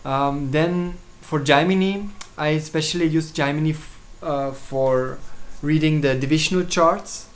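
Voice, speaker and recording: Talking in English rather than his native German, a man from Switzerland casually describes his astrology services in a solo video. His voice is on the high side, and his speech is broken by frequent fillers and restarts.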